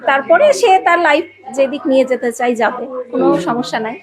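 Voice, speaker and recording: A woman appears as a podcast guest in a casual personal conversation, talking emphatically and repeating phrases to drive her point home. Her voice is high-pitched and quick, with crowd noise behind her.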